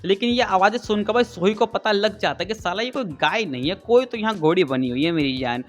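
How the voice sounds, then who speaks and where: A man's voice: high voice, expressive, a little fast, faint music behind. A man narrating a comic recap in a cheeky, crude way, talking straight to his viewers. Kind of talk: casual comic story recap.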